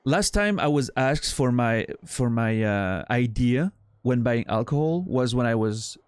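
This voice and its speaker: A Swiss French man in his forties, with the accent of French-speaking Switzerland, chats loosely with his stream chat, rambling, poking fun at himself and trailing off with fillers. His medium-pitched voice is animated and a little slow, recorded cleanly without echo.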